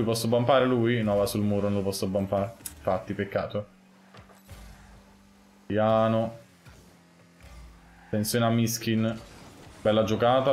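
Excitable young man, gameplay commentary. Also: on the low side, roomy sound. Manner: excitable, swings from muttering to yelling. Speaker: gaming streamer.

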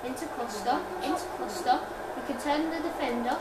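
A woman's voice: high-pitched, fairly quick, reverberant, distant mic, very noisy. A woman commentating on her own football video game, exclaiming at the screen as she plays. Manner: excitable, frequent exclamations at the screen. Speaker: gaming channel host.

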